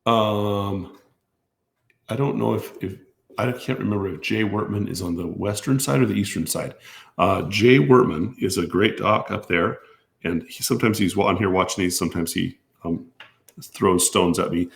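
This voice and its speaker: A man with a hoarse voice from allergies, hosting a live-stream Q&A as a doctor, talking hesitantly with many restarts. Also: on the low side, moderate pace. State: losing his voice from allergies. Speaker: doctor answering viewer questions.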